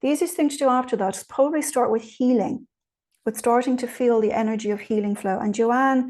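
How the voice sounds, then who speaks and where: A woman's voice: a little high, a little fast, darkish tone. A woman teaching informally and answering questions, in a conversational, encouraging way with frequent little check-ins. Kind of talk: informal guided teaching on meditation.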